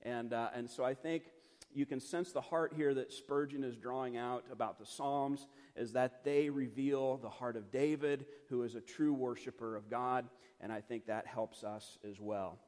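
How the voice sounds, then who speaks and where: A man's voice: mid-range voice, moderate pace, a little mellow, long reverb tail. A middle-aged man leading a Bible study, talking earnestly and conversationally with lots of fillers and restarts. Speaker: pastor.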